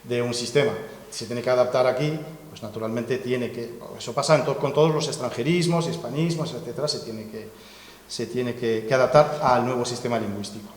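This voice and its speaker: At a seminar, a man gives an academic lecture in a hall with long, echoing reverb. He talks conversationally and digresses, with many fillers and restarts, drawing on a board as he explains. His voice is medium-pitched, steady in tone and brisk.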